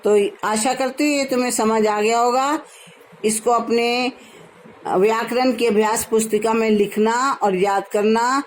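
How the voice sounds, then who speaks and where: A woman's voice: a little high, fairly even intonation, a little hiss or hum, poor audio. A woman teacher, patiently explaining a grammar lesson to her students. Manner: slow, patient, addresses students as "beta".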